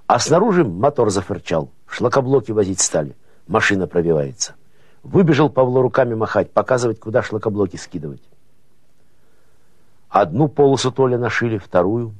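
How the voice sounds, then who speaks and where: A man narrating prose as an audiobook, with expressive folksy storytelling rhythm. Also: fairly low pitch, normal speed, no echo.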